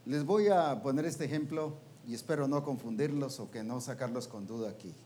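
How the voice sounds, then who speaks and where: A preacher with a medium-pitched, warm voice teaches a ministers' meeting at a brisk pace, with a little hiss or hum in the background. His interactive sermon is colloquial, often questioning listeners and ending phrases with "pues" and "¿va?".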